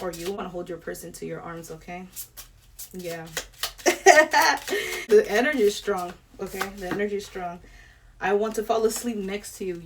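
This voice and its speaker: A woman's voice: mid-range voice, far from the mic. A young woman giving a casual tarot reading to camera, chatty, swearing lightly and laughing often. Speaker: tarot reader. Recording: air conditioner noise behind.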